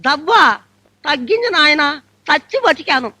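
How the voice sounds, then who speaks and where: A quavering deaf old bride. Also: female voice, sits high, lively intonation, normal speed, sharp tone. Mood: shy, mishearing. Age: older. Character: deaf ancient bride, a woman past ninety, frail and dreamy. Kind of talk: film comedy acting.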